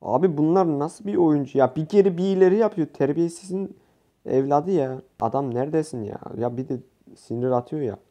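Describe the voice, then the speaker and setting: A young man from Turkey giving excitable, swear-filled commentary over his own gameplay, shouting and yelping when things go wrong. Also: on the high side, brisk, lo-fi sound. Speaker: gaming youtuber.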